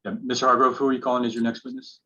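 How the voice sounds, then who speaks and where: A man's voice: mid-range voice, flat delivery, pushed and bright. Man chairing a hearing, dull lo-fi recording. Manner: halting, with many fillers. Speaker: hearings officer. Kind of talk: formal proceeding moderation. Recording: dull lo-fi remote hearing audio.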